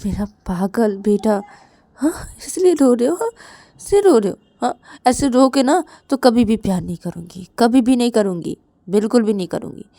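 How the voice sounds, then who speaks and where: A woman's voice: mid-range voice, a little slow, pauses often, warm tone, no echo, lightly acted. Woman playing a fussing loving mother. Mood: coaxing concern. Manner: coaxing, repetitive questioning.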